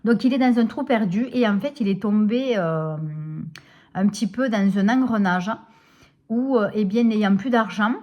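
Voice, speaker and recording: A woman's voice: mid-range voice, moderate pace, lo-fi sound. A middle-aged woman, ranting in a casual home vlog with lots of filler words. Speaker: vlogger.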